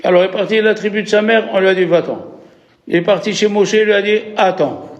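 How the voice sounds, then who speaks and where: Animated rabbi giving a lesson. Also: male voice, high-pitched, racing, dull audio. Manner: animated, asks the audience questions. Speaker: rabbi teaching a class. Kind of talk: religious lesson.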